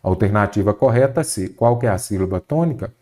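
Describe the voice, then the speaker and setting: A male Brazilian Portuguese teacher with a mellow, dark voice leads an exam-prep grammar lesson. He walks through each step and keeps asking rhetorical questions. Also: lowish voice, expressive, a little fast. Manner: explanatory, asks rhetorical questions.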